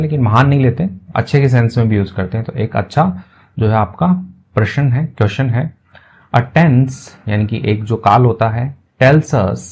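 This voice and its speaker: A man with a husky, slightly breathy voice gives an English lesson in Hindi. He reads each English phrase slowly, then breaks it down word by word. He keeps checking in with his listeners in a patient teaching manner. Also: mid-range voice, a little mellow. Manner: patient, repeats checks like "ठीक है".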